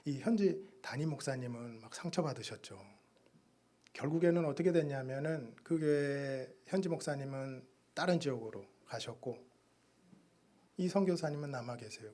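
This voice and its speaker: Husky-voiced man preaching in church. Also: fairly high pitch. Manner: storytelling, animated with sudden loud and soft turns. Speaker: missionary preacher. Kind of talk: sermon testimony.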